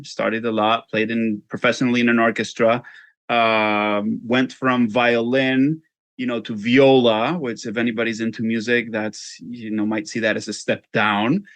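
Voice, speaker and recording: Here a man from Spain, a fundraising consultant, answers an interviewer's questions in his Spanish accent. The mid-range voice is a bit bright and free of echo. He talks informally, downplays himself, and leans on "you know" often.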